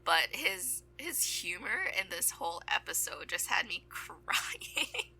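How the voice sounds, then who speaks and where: Bright, giggly woman co-host. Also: fairly low pitch, very animated, slow pace, vocal fry, slight background noise, low-quality recording. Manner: giggly, retells scenes with acted quotes. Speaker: podcast co-host. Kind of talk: casual chat.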